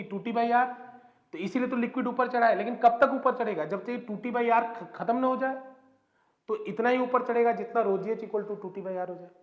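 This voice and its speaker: High-voiced man teaching in an echoey room. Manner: explains step by step, keeps asking students questions. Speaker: physics teacher. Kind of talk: classroom lecture. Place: classroom. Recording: echoey room, dull lo-fi sound.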